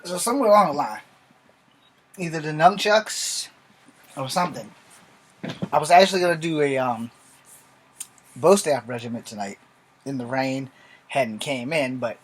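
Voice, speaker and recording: A man's voice: a little high, moderate pace, pauses often, slightly rough. A man talking casually in a rambling vlog, blunt and informal, swearing freely as he gives martial arts advice. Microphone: filming from a laptop.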